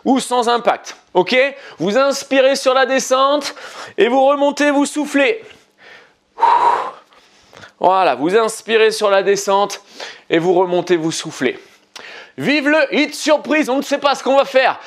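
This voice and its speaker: A man's voice: very high voice, lively intonation, measured pace, pauses often. A man coaching a home workout class, encouraging the viewer and counting out reps. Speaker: fitness coach. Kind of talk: guided home workout instruction.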